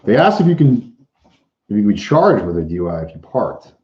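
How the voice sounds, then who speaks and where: A man hosting a casual live Q&A, reading viewer comments aloud with frequent halting restarts. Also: fairly low pitch, sing-song. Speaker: livestream host. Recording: roomy, dull lo-fi livestream audio.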